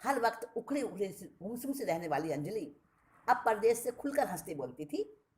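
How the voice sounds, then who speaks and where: A woman reading a short story aloud, expressive and often restating a word with a plainer synonym. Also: medium pitch, moderate pace.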